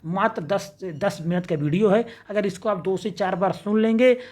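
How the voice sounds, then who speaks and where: A woman teaching an exam spelling lesson, reading each wrong form with stress and then giving the correct one in a lower voice. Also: moderate pace, a little mellow. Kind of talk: spelling lesson, word-by-word drill.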